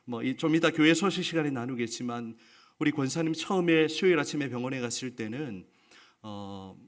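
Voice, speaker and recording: A man's voice: mid-range voice, a little fast. A male pastor preaching a sermon, earnest and putting questions to the congregation.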